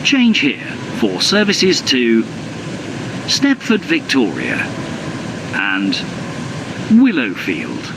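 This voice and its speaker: A man's automated onboard train announcement, slow and measured. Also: medium pitch, wildly swooping pitch, noisy background.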